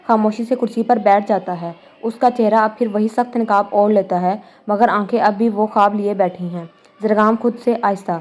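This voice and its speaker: Mellow woman reading a novel aloud. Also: mid-range voice, lo-fi sound, slight background noise. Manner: calm, even storytelling. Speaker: novel reader. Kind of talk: audiobook narration of a novel.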